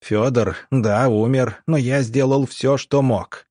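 A man's voice: medium pitch, steady tone, slow, mellow, no echo, studio quality. A man voicing a sleazy, scheming male military doctor who talks smugly and wheedles, then snarls when cornered. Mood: snarling.

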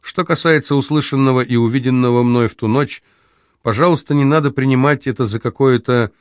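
A man narrating a novel in a measured, expressive reading voice. His pitch sits in the middle range for a man. The recording is dry and close, with no room sound. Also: no echo. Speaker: audiobook narrator. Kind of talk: scripted narration.

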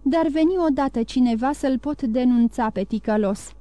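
A woman's voice: high-pitched, dark tone, no echo, close to an everyday voice. A woman voicing a dying, wounded male ex-convict who pleads and gasps for help, in an audiobook reading. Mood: pleading. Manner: pleading, gasping cries for help.

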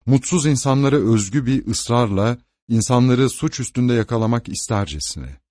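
Male audiobook narrator, mid-pitched, even and measured, dry close mic. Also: dry recording. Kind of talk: scripted literary narration.

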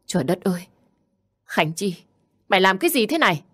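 A woman's voice: mid-range voice, big pitch swings, brisk, fairly bright tone, husky, voice pushed up. A woman voicing an alarmed older husband in an audio story. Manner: alarmed, scolding.

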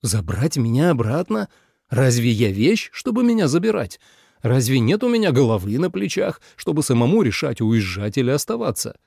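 A man's voice: medium pitch, very animated, normal speed, gravelly, a little mellow, slightly rough, no room sound, studio quality, heavily acted. A man voicing a proud, defiant young nobleman who speaks curtly and mockingly in a storybook reading. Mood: cold. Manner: curt, mocking.

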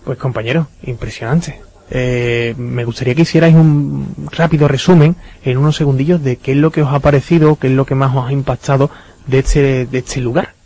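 A man's voice: mid-range voice, fairly even intonation, a little fast, dark tone, poor audio. A man hosting a Spanish radio show about the paranormal, guiding his guests with questions. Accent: Spanish (Spain). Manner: guides guests, asks questions. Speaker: radio host.

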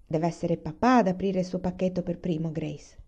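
A woman voicing a gentle, patient pioneer mother in a storybook reading, soft and kindly. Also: on the low side, steady tone, normal speed, highs cut off.

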